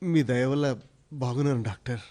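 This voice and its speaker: A man's voice: mid-range voice, steady tone, fast, dark tone, close to an everyday voice. A man playing a remorseful grown son who breaks into sobbing outbursts over his mother. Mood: weak, puzzled. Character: remorseful adult son, grief-stricken and frantic.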